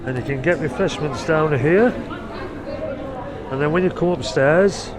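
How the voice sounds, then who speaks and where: Crowd noise surrounds this man's slightly high, unhurried voice. As host of a family vlog, he films himself on a handheld camera and chats loosely while walking through the foyer and private box of a theatre.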